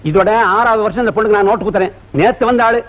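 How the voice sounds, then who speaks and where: An actor playing a boastful, brash village patron who talks in a blustering way. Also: male voice, high voice, very fast, lightly acted. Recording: dull lo-fi film soundtrack.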